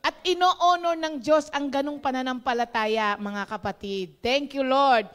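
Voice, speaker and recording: A woman's voice: sits high, moderate pace, clean tone. A Filipino woman preaching in a casual, chatty devotional talk, laughing often and mixing English phrases in.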